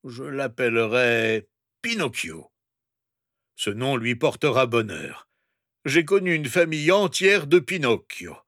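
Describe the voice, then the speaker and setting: Man doing a woodcarver father in a storybook, scolding then plaintive, slow, dry booth sound. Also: medium pitch, animated, fairly bright tone, no room sound. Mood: musing. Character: male woodcarver father, stern yet tender.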